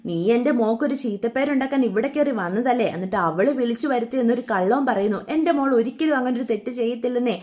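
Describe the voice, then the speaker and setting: A woman's voice: fairly high pitch, fast, few pauses, darkish tone, close to an everyday voice. A woman voicing a stern middle-aged mother who scolds and gives orders in a retold family drama. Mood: scolding. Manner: scolding, commanding.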